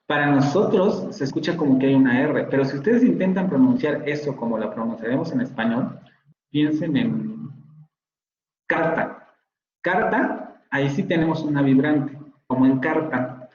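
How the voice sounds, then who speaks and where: A male professor teaches phonetics over a video call, explaining patiently and repeating sample words aloud. His voice sits at a middling pitch. The audio is roomy and a bit dull, with faint background hiss. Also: normal speed, a little mellow. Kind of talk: online lecture.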